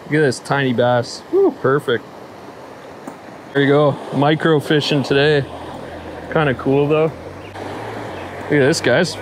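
A man, chatting excitedly to viewers while fishing on a riverbank, recorded on a head-mounted action camera. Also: on the high side, takes it slowly, pauses often, background noise. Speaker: fishing vlogger. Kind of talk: casual fishing vlog commentary. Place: outdoors on a riverbank and lakeshore.

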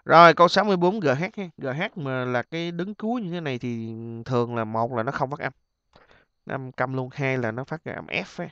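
A middle-aged man leads an exam review lesson at an even pitch. He stretches each example word out slowly, then hurries through his explanation. The recording is dry and a little dull. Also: no echo. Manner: repeats and drawls example words slowly, then explains in quick asides. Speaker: English teacher.

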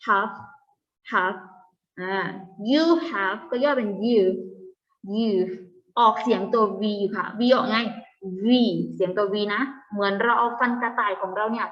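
A Thai woman teaching an online English lesson to young pupils, patiently asking check questions and slowly repeating English words with a Thai accent. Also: medium pitch, steady tone, fairly bright tone, lo-fi sound. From Thailand. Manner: patient, asks students frequent check questions. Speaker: primary school English teacher.

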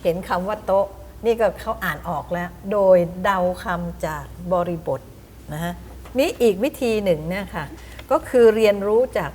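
Middle-aged female teacher, lecture to teachers, spells words aloud and quizzes the room; mid pitch, faint background noise. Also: moderate pace, a little mellow. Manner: explains with demonstrations; asks the audience questions.

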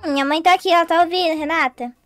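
A woman's voice: very high-pitched, fast, over music. A woman playing a teasing daughter. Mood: conspiratorial. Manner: teasing, conspiratorial. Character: playful scheming teenage daughter of the house. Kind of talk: Roblox role-play voicing.

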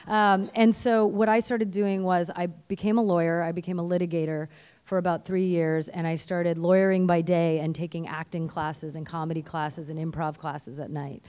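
On stage at a convention hall, a middle-aged woman from Canada talks into a handheld mic during a panel. Her lowish voice is steady, a little mellow and smooth, moving at normal speed, and her manner is chatty and self-deprecating.

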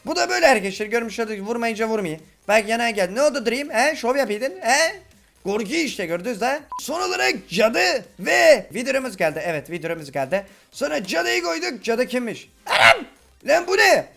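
A man giving excitable Minecraft gameplay commentary as a YouTuber, chatting with viewers and bursting into loud exclamations. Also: very high voice, brisk, gravelly. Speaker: gaming YouTuber.

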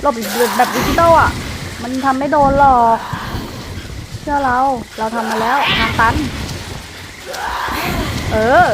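A woman's voice: high voice, slow, pauses often, heavy background noise. A woman streaming a horror game, casually commentating and teasing the ghosts with brash, crude slang.

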